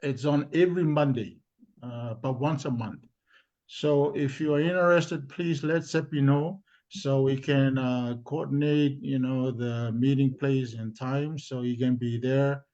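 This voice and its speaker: Man, Tongan accent, deliberate halting delivery, informal community speaker, middle-pitched voice, dull lo-fi stream sound. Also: steady tone, mellow. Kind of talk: informal live discussion wrap-up.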